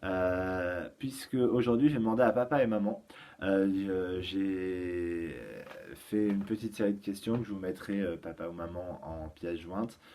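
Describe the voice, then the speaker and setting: A man's voice: low voice, mellow. Patient male teacher talking to kids. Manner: patient, explains slowly with many fillers. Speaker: kindergarten teacher. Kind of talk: home-schooling lesson for young children.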